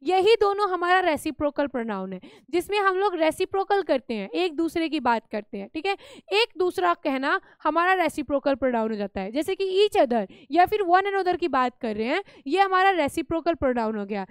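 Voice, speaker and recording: A woman's voice: extremely high pitch, no echo, clean studio sound. A young woman with an Indian accent teaching a school grammar lesson, mixing Hindi and English and asking and answering her own questions. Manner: speaks English example sentences slowly.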